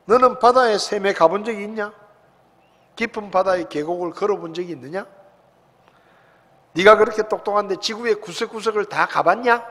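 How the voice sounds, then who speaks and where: Brief: man preaching as a thundering God hurling rebukes, husky edge, church reverb. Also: on the high side, voice pushed down. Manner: loud, scolding rapid-fire questions.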